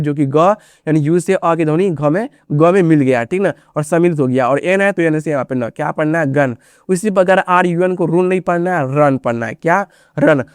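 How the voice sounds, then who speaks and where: Man, English reading teacher, repetitive questioning, smooth clear tone, raised pitch. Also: no echo, studio quality. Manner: repetitive, drills words with rhetorical questions; constant filler phrases. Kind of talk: Hindi phonics lesson for beginners.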